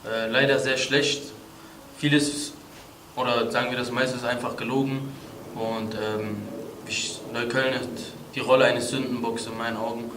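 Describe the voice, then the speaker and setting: A twenty-two-year-old man from Berlin answering interview questions in a measured way, with fillers. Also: medium pitch, little pitch movement. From Berlin, Germany. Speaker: local youth council member. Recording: roomy, distant mic, faint noise.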